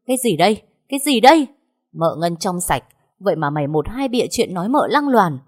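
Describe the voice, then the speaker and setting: A harsh older mother-in-law scolds at the top of her voice, as a woman narrator puts her on. Her pitch jumps high and loud as she rages. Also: very animated, brisk. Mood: furious. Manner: shouting, scolding.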